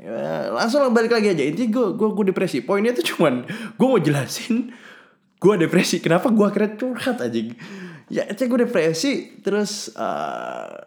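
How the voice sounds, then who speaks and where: A man's voice: sits high, huge pitch swings, moderate pace, creaky, hardly any pauses. Young man, candid confessional storyteller, curses a lot, blends in English words. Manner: candid, slangy, cursing, mixing in English words; swings between loud bursts and mumbled asides. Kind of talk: casual personal story, talking to the listener.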